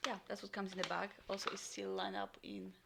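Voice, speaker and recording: Woman doing a ration unboxing vlog, gravelly, lots of ums, faint hiss on the mic. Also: medium pitch, flat delivery, brisk. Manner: chatty, frequent ums, drops into soft whispers. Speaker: vlogger reviewing military rations. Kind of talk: casual unboxing and taste test.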